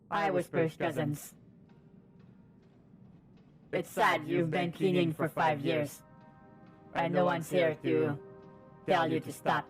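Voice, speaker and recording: A high-pitched man chatters through a live game stream, quick to yelp and joke at what happens on screen. He sounds drowsy yet keeps bursting into loud, excitable reactions over faint background music. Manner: excitable, jokey, loud outbursts. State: sleepy. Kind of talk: live gaming commentary.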